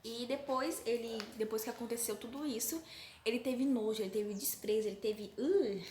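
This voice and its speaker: A woman's voice: on the high side, moderate pace, warm tone. A young woman with a Brazilian accent casually retelling a Bible story to her viewers, chatty with frequent fillers. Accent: Brazilian Portuguese. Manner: chatty, addresses viewers as "gente", hesitant fillers. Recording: roomy recording with faint noise.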